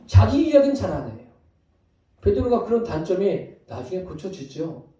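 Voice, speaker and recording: Korean pastor preaching, high mellow voice, booming echo, mic kinda far off in a big church hall. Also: male voice, sing-song, moderate pace. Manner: acts out quoted lines, shifting from loud to soft. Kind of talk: sermon. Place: church sanctuary. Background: congregation answering amen.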